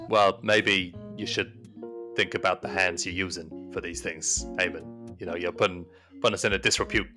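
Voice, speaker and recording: A man voicing a tough male 1920s mobster on the phone who talks in a gruff, needling, lecturing way. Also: deep voice, fairly even intonation, normal speed, pushed and bright, soft background music, voice pushed down. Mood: scolding.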